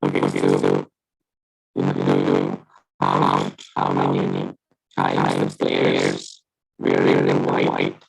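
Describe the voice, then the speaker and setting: A man's voice: monotone, drawn-out words, vocal fry, breathy edge, poor audio. Man's voice warped by a bad connection. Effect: glitchy robotic bad connection, very low and deep, with static. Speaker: teacher of an online class. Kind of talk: instructing students. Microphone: video call.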